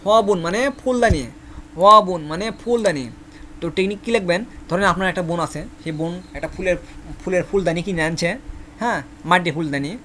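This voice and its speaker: A man's voice: high voice, a little fast, sharp tone, a little hiss or hum. A man from Bangladesh, teaching a Korean vocabulary class and repeating each word over and over while quizzing his students. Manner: repeats each word many times, asks the class questions. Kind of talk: classroom lesson with memory tricks.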